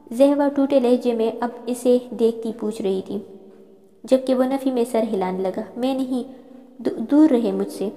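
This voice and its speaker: Woman reading a novel, warm tone, long reverb. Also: fairly high pitch. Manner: reads all characters in her own voice. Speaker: narrator. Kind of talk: novel read aloud.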